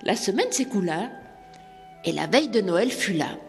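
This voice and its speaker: Woman storyteller, lively melodic reading, reverberant with soft music under it. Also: mid-range voice, moderate pace, gravelly. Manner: expressive, animated.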